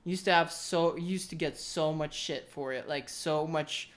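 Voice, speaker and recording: Low-voiced woman on a casual, rambling rant. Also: moderate pace. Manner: opinionated ranting with casual swearing. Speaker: tech vlogger.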